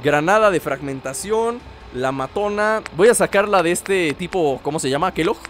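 A young man giving jokey let's-play commentary, talking straight to his viewers and yelling when startled. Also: sits high, lively intonation, normal speed, faint music behind. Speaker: gaming YouTuber.

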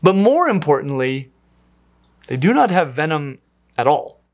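A man's voice: fairly high pitch, very animated, a little slow. A man with a slightly raised voice narrates a science lesson on small creatures. He reads from a script and drops in dry, wry little asides. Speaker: educational video host.

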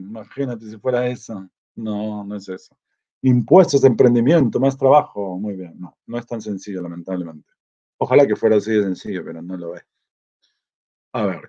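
A man's voice: mid-range voice, mellow, slightly rough. A man, chatting casually on a livestream and reading viewer comments aloud, rambling as he reacts. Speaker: travel vlogger reading live chat. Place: indoors, in Lima. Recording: dull lo-fi sound.

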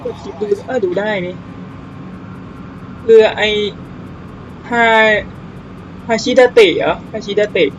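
A man giving casual let's-play commentary on a naval battle game, excitable, swearing casually and exclaiming often. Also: high voice, takes it slowly, pauses often, lo-fi sound, a little hiss or hum.

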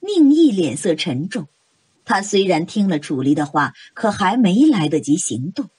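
A woman narrating a novel audiobook in an expressive, dramatic storytelling manner. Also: lowish voice, moderate pace, slightly rough, dry recording.

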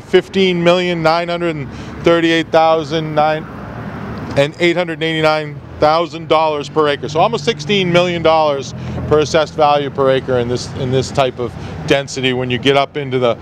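Middle-aged man, slightly high voice, guiding a street tour with a handheld mic, faint traffic around. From New England. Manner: loose, figure-heavy explaining with fillers. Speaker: tour guide. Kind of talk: outdoor walking tour talk. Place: outdoors on a town street. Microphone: handheld mic, filmed by a nearby camera. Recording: faint street noise outdoors.

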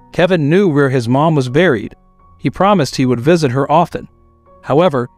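A man narrating a scripted story in a smooth, even, unhurried way. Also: mid-range voice, no room sound.

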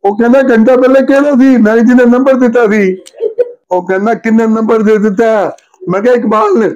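A man's voice: high voice, steady tone, a little fast, a little mellow. An older man tells a comic story, acting out both sides of a phone call in different voices. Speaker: joke teller. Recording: dull lo-fi recording.

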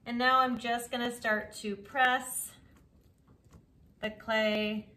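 A woman teaching a pottery lesson, calmly explaining each step while she works the clay. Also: a little high, slow pace, slight background noise. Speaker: ceramics teacher. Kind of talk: instructional craft demonstration.

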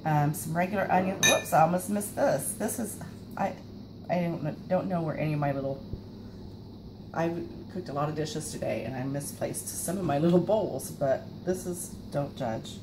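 Filmed in her kitchen on a camera mic, this forties-aged woman runs a laid-back home cooking show amid background noise. She has a deep voice and a moderate pace, chatting away with lots of fillers and self-deprecating remarks.

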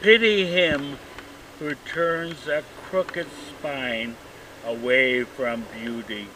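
A man reciting his own poem outdoors, in a very slow, deliberate, dramatic reading. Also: medium pitch. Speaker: poet. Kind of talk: poetry recitation. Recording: distant mic, outdoor noise and traffic.

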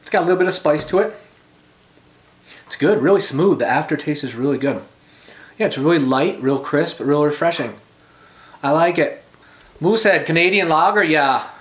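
A man's voice: on the high side, moderate pace, long pauses, reverberant. Laid back guy in his 40s doing a chill review vlog in his bedroom, short little remarks. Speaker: beer reviewer and vlogger. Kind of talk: casual review chat. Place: small bedroom, indoors.

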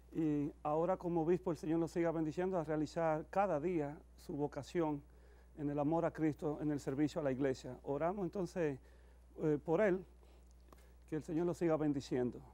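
A middle-aged man, a priest addressing a congregation at Mass with earnest exhortations and blessings, pausing between phrases. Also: a little high, a little mellow. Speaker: priest celebrating televised Mass. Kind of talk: homiletic announcements and liturgical blessing. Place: indoor chapel, at the altar.

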